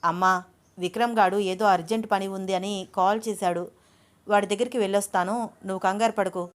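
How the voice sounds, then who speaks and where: A woman voicing a bold, teasing young man in love, in an audio story, in her own even voice. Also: mid-range voice, a little fast, dry recording, close to an everyday voice. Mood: persuading. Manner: coaxing, teasing.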